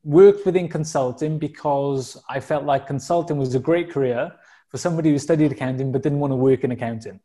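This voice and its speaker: Speaking a little fast in a warm mid-range voice, a Welsh man in his thirties from South Wales is interviewed casually as a podcast guest. He reflects openly on things, frequently pausing with fillers and starting over.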